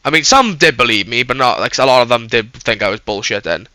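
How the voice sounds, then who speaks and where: A man's voice: mid-range voice, animated, fairly quick, sharp tone, no echo. A man telling a personal story on his channel in a rambling, casual way, swearing constantly. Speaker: YouTuber.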